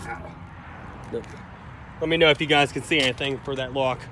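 A vlogger who explores abandoned places casually narrates a walk around an abandoned restaurant and its parking lot, filmed outdoors on a handheld phone. His medium-pitched voice is steady, pushed and bright at a moderate pace, and he addresses viewers directly with frequent exclamations. There is a little hiss or hum.

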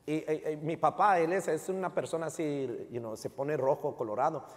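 Man, middle-aged, pastor, Mexican American accent, joking sermon, mixes in English, slightly high voice, long church-hall reverb. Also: normal speed. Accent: Mexican American Spanish with English code-switching. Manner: lively, joking, switches often into English tags like "right?". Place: church sanctuary.

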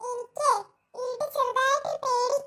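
A voice actor playing a timid young thief's sidekick who is scared of the dark, in a cartoon. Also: extremely high pitch, level tone, normal speed, heavily acted. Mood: nervous. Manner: nervous, pleading.

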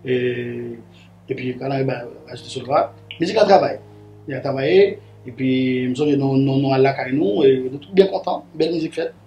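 A man's voice: mid-range voice, brisk, mellow, highs cut off, slight background noise. A man, a guest musician telling a long story in a casual, rambling way, repeating words and the filler "là". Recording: roomy echo with faint music underneath.

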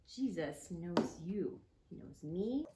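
A woman's voice: lowish voice, animated, takes it slowly, heavy background noise. A woman, a children's pastor, leading a children's church lesson with a craft, talking playfully and explaining step by step to kids.

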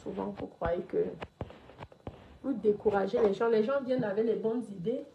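A woman's voice: mid-range voice, moderate pace, lo-fi sound, slight background noise. A woman, scolding someone directly in a social media rant. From Cameroon. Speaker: property investor. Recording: roomy echo.

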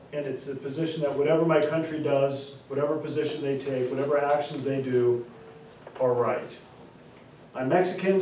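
Picked up by a distant camera in an echoey classroom, a male instructor speaks with a rather high pitch and a darkish tone, with a little hiss or hum present. He leans on repeated examples and stresses key terms slowly.

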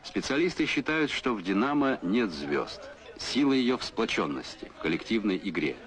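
A man narrating an old documentary newsreel in a measured, announcing manner, heard from a noisy old film soundtrack. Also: fairly low pitch, sing-song, a crowd in the background.

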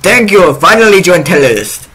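With a high voice and a slightly fast pace, a young streamer narrates his gameplay for laughs in an exaggerated broken-English accent, punctuated by loud excited yelps. A faint hiss or hum sits in the recording.

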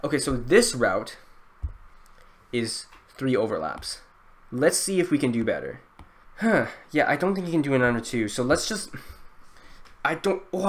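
A young man thinking aloud through a timed test, frantic and self-mocking, now and then breaking into loud outbursts. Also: mid-range voice. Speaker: youtuber.

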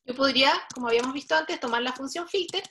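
High, bright woman teaching code. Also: quick pace, a little hiss or hum. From Chile. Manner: patient, explains step by step and addresses the learners directly. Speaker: workshop instructor. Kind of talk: live online coding tutorial.

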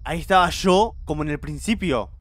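A man's voice: on the high side, expressive, brisk, fairly bright tone. A young man with a Rioplatense Spanish accent commenting nervously on a horror game, yelping at the scares. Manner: jumpy, nervous, yelps at scares. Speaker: gameplay streamer.

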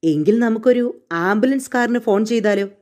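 A humble male coachman speaks deferentially and defensively, voiced by a woman storyteller. The voice sits a little higher than her own and stays mellow. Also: moderate pace, close to an everyday voice. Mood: worried.

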